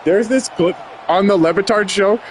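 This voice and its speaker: A man's voice: sits high, normal speed, a little hiss or hum, rough recording. A young man chatting loosely and profanely while playing a football video game, laughing through his stories. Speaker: gaming streamer.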